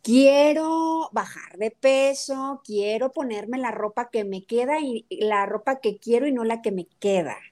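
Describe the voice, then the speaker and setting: A middle-aged woman with a Mexican Spanish accent, speaking in a fairly high voice. She talks in a lively, conversational way and acts out quoted lines as she tells her stories. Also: unhurried, few pauses. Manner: animated storytelling, acts out quotes of her daughter. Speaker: guest nutrition speaker. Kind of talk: conversational talk interview.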